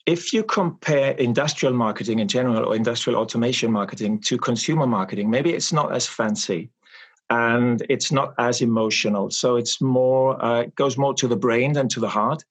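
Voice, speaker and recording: A man in his forties, from Austria, answering interview questions about his marketing work in a measured, explanatory way with frequent pauses. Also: mid-range voice. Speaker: guest, marketing expert. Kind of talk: interview conversation.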